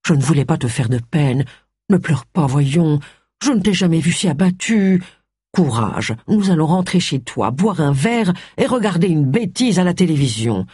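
Livre audio : lecteur donnant voix à un ami moqueur mais bienveillant, son sec et proche. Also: male voice, on the high side, darkish tone, husky, dry recording, clean studio sound. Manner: teasing, reassuring. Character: man, an affectionate teasing friend. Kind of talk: audiobook character voice.

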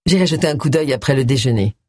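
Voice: mid-range voice, animated, quick pace, dark tone, slightly rough, dry recording, clean studio sound, voice pushed down. A reader voicing James, a self-assured retired male army colonel, in an audiobook, speaking in a confident, inviting way.

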